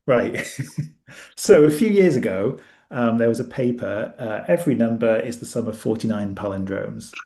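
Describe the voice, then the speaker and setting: Guy with a gravelly low-key voice, warm and dark, excitedly explaining maths stuff in a chat. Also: normal speed. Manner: enthusiastic, explaining with asides. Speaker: guest, maker of maths web tools. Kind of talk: casual chat.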